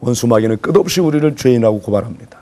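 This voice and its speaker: A man's voice: medium pitch, very fast. A man preaching a sermon lecture to a congregation, asking them questions and acting out voices as he tells stories. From South Korea. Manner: animated preacher acting out voices, calls for audience replies. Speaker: pastor.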